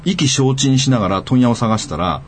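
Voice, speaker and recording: A man's voice: mid-range voice, brisk, slight background noise. A man telling a long anecdote on a radio talk show, acting out the quoted lines. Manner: animated storyteller acting out quotes. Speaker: radio guest storyteller. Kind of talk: casual radio chat.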